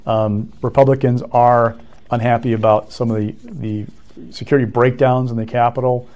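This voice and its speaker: A man's voice: medium pitch, fairly even intonation, moderate pace, darkish tone, dull audio. A male political reporter giving analysis on a talk show, explaining plainly and speeding up through lists.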